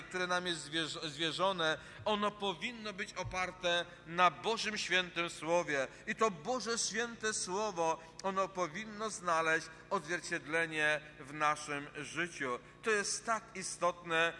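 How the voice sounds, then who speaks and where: Polish guy preaching, earnest and repetitive, very bright voice, big echoey church hall. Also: high-pitched, a little hiss or hum. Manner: earnest, repetitive phrasing with hesitant fillers. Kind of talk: sermon. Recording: long reverb of a large hall.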